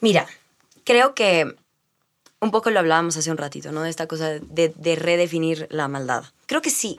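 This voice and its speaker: Actress chatting in an interview, lowish voice, laughs a lot, lively. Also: female voice. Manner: animated, laughs often, slips into playful accents. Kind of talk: casual interview chat.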